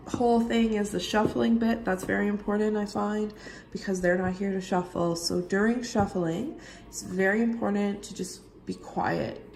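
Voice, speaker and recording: Husky, creaky whiskey-voiced woman. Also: medium pitch. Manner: informal, conversational, talks directly to viewer. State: getting over a cold. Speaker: tarot reader giving a tutorial. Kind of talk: casual instructional chat. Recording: roomy echo, faint background noise.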